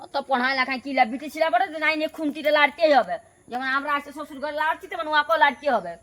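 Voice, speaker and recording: A woman's voice: high voice, rapid-fire. A woman with a Purulia Bengali accent playing a quarrelsome young stepmother in a village drama. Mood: complaining. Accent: Purulia Bengali dialect. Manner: sharp, scolding, quarrelsome. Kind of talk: village home drama acting.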